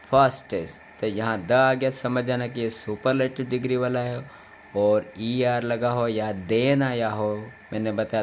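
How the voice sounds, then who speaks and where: A man's voice: mid-range voice, a little hiss or hum. Patient male grammar teacher. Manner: patient, repeats points with Hindi glosses. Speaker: English teacher. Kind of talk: explanatory grammar lesson.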